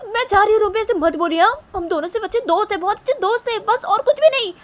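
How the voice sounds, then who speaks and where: Woman playing a shrill flustered young girl. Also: very fast. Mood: flustered protest. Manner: high-pitched, shrill, pleading. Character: young woman, flustered, protesting to her parents.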